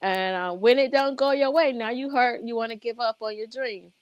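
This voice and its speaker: A woman's voice: fairly high pitch, normal speed, dry recording, muffled recording. A woman co-hosting a radio talk show, talking casually and reflectively, often laughing. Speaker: radio co-host and music director.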